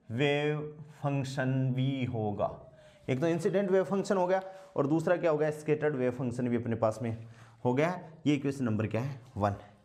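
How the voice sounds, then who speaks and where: A man teaching a physics class, asking rhetorical questions and answering them himself, and slowing down to dictate while he writes. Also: on the high side, darkish tone. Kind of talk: blackboard lecture.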